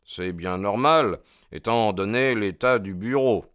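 A man voicing a sharp, methodical male detective who asks measured, courteous questions. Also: lowish voice, smooth, no room sound, studio quality. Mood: inquiring.

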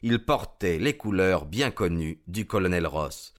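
A man narrating a detective story in a calm, measured, dramatic audiobook style. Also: low-pitched. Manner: calm and measured, rising to excited shouts in the race scenes. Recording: music bed under the voice.

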